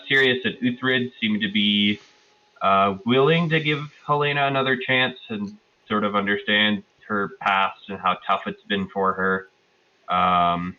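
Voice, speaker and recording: A man with a lowish, sharp-toned voice recaps a tabletop roleplaying game from memory. He is casual and hesitant, loosely recalling events and hedging as he goes. The audio is slightly dull.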